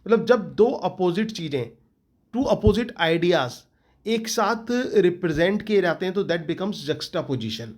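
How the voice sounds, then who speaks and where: A man with an Indian accent who teaches English literature, giving an exam-prep lecture and often repeating questions back to his students. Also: high voice.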